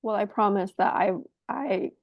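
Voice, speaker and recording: A woman's voice: medium pitch, normal speed, dry recording, highs cut off. An American woman guesting on a podcast, talkative and rambling in casual chat. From United States.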